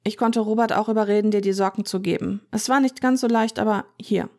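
A woman voicing a calm young man who holds someone captive and speaks in a flat, nearly expressionless way. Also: mid-range voice, a little fast, close to an everyday voice. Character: young man, calm, quietly possessive captor.

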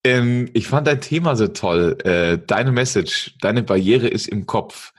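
A man's voice: medium pitch, animated, measured pace, breathy edge. A man hosting a podcast interview, upbeat, with frequent filler sounds. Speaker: podcast host.

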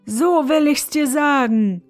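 A woman voicing a huge, proud male spirit from a bottle, who talks in a loud, haughty way. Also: slow, faint music behind. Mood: menacing. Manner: booming and haughty, later pleading.

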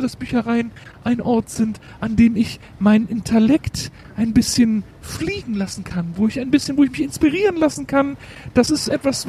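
A man's voice: extremely high pitch, warm tone, a little hiss or hum, pitched above the performer's own voice. A man voicing a pedantic, know-it-all nine-year-old boy who lectures in prim, formal words.

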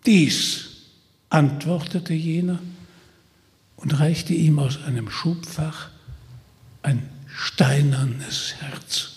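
A man narrating a fairy tale in a measured, quiet way, with long reverb. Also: a little high. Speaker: audiobook reader. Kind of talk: storybook narration.

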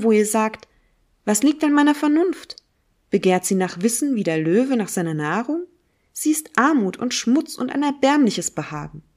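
A woman reading the words of a fervent male prophet who preaches to a crowd, declaiming them emphatically and solemnly. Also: on the high side. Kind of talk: dramatic reading of a philosophical text.

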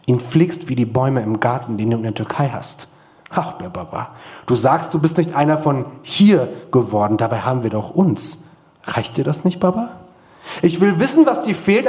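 A male author reading from his own book at a literary event in an earnest, measured way with many pauses, then answering questions. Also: a little high, a little mellow. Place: literary event before an audience.

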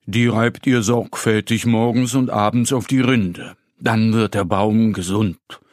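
A man voicing a calm, kindly male deer pharmacist in a children's audio story, gentle and questioning. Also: lowish voice, a little slow, dry recording, clean studio sound, natural voice.

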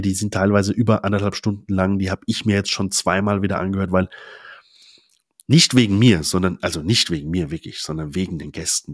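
A man's voice: low voice, husky, no echo, clean studio sound. A man hosting a solo motivational podcast, talking emphatically in a casual coaching manner with English fillers. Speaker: podcast host.

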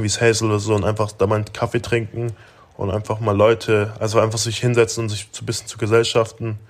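A nineteen-year-old basketball player from Augsburg, Germany, answers interview questions casually, rambling with lots of fillers and restarts. His voice is on the low side and fairly flat, with little rise and fall.

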